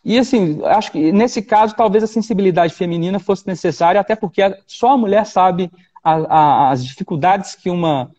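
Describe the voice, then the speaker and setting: Brazilian male lawyer, animated storyteller, restarts often; muffled audio. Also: high-pitched, normal speed. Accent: Brazilian Portuguese. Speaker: defense lawyer, guest. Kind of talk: storytelling interview.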